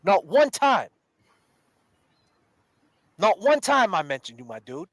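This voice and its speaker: A man's voice: high-pitched, big pitch swings, slow pace, fairly bright tone, dry recording, poor audio. A middle-aged man hosting a livestream, confrontational and heated, calling people out by name. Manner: confrontational, repeats names and calls people out directly. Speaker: livestream host.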